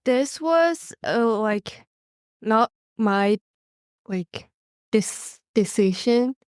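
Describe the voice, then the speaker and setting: A woman's voice: fairly high pitch, animated, very slow, darkish tone, no room sound, studio quality. Hesitant Mongolian-accented teen girl. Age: teens. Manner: hesitant, searching for words. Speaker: exchange student guest. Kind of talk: casual podcast interview.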